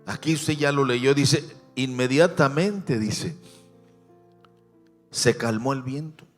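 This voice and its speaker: Man preaching a sermon over soft music. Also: mid-range voice, slow pace. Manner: preaching with rising emphasis, then soft near-whispered appeals. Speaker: pastor. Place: church.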